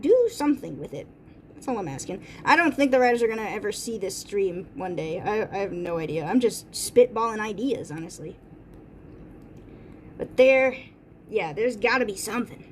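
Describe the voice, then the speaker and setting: A woman's voice: medium pitch, animated, normal speed, a little hiss or hum, low-quality recording. A woman live-streaming from her room, chatting casually and thinking aloud with lots of fillers. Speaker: art streamer.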